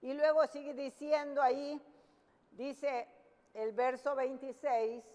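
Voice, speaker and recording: A high-pitched woman preacher delivers a fervent evening devotional at an unhurried pace. She prays and reads scripture aloud, often repeating her phrases. Her voice rings with a long reverberant tail from the hall. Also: fairly even intonation, warm tone. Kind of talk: evening devotional sermon with prayer.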